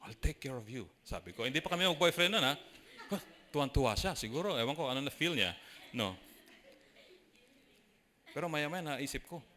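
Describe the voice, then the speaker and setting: Speaking a little fast with frequent pauses, this middle-aged lay preacher with a Filipino accent has a fairly high, pushed and bright voice with lively intonation. His sermon blends storytelling and preaching, and he asks the congregation questions.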